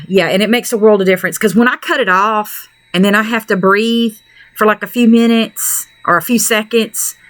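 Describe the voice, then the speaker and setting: A woman's voice: medium pitch, fairly bright tone, no echo. A woman chatting casually to camera in a product review vlog, rambling with lots of fillers while wearing a face mask. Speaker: vlogger. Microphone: camera mic, wearing a fan respirator mask.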